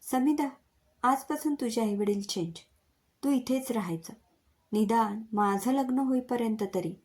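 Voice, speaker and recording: A woman's voice: fairly high pitch, unhurried, darkish tone, lightly acted. A woman voicing an impulsive, cheeky young man in a read-aloud story. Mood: excited.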